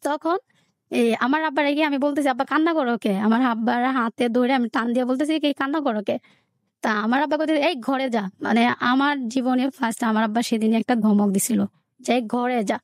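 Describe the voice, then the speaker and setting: High-voiced young woman telling her story. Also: no echo, clean studio sound. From Bangladesh. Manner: plain spoken, colloquial village speech, quoting relatives. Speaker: caller sharing a life story. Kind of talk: personal storytelling on a radio show.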